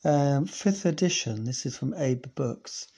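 A man's voice: medium pitch, expressive, unhurried, dark tone. A man hosting a podcast, reading old archive files aloud with casual, self-correcting asides. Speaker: podcast host.

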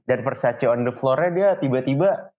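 A man's voice: medium pitch, normal speed. A young man with an Indonesian accent chatting casually as a student radio announcer, in a playful, slangy, agreeable way. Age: young adult. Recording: tinny, phone-like narrow band.

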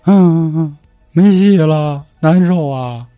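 A man's voice: medium pitch, lively intonation, brisk, darkish tone, slightly rough, no room sound, faint music behind. A man voicing a naive, simple-minded young male scholar who whines and swears when he is upset. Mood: whiny. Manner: whiny, coarse, easily upset.

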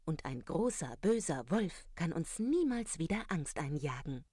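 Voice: mid-range voice, sing-song, a little slow, warm tone, breathy edge, no echo, studio quality. A storyteller voicing the sensible, hard-working third little pig, who speaks in an earnest, warning way. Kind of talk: storybook reading.

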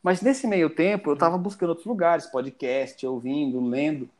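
Man, from Brazil, high voice, casual podcast chat, rambling, many restarts. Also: moderate pace. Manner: chatty, rambling with frequent restarts. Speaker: podcast guest.

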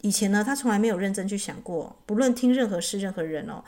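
A woman telling a story and adding spiritual commentary, trailing her sentences with drawn-out particles. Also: mid-range voice, expressive, a little mellow.

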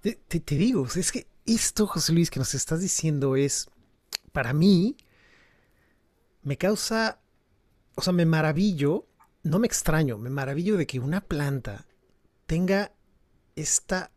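A man hosts a relaxed conversation, pausing to search for words and dwelling on his amazement. His voice sits a bit high. The recording is dry and close. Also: no echo. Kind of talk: casual conversation.

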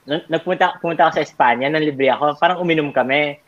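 A man's voice: on the high side, fast. Young man rambling through stories. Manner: rambling, laughing anecdotes with many fillers. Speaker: storyteller among college friends. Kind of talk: casual chat. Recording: dull lo-fi recording.

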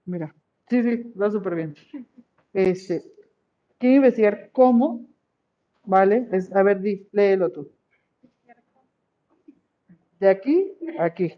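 A woman's voice: mid-range voice, animated, slow pace, pauses often, dull audio. A woman teaching an online class, encouraging her pupils and checking in with them often.

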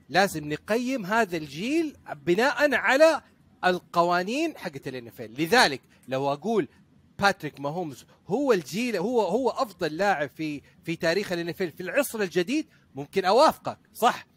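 Man, argumentative podcast co-host, quick talker, high voice. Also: dry recording. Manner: excitable, argumentative, trails off and restarts. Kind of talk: heated casual sports debate.

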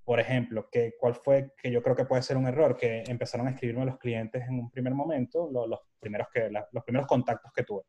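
Venezuelan man with a mellow voice. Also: medium pitch, brisk, few pauses. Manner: animated storyteller who acts out quoted dialogue. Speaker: guest photographer. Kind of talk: casual interview conversation.

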